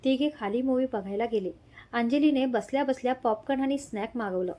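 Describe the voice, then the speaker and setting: A woman tells a romantic family story aloud in a steady reading voice. Her tone is mellow and soft rather than bright. She sits a little high in pitch and voices the characters' lines with only slight changes. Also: a little fast. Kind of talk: scripted story narration.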